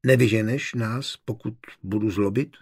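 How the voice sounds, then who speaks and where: A wary little boy, earnest and a bit blurting, with a faintly husky, breathy edge, as a male narrator puts him on. Heard in a storybook audiobook, his voice is a little raised from the reader's own. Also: lowish voice, fairly even intonation, a little mellow.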